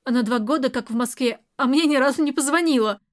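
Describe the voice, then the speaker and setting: A woman reading the part of a dejected young woman, sullen and aggrieved, in a high voice. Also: fast, natural voice. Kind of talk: audiobook character reading.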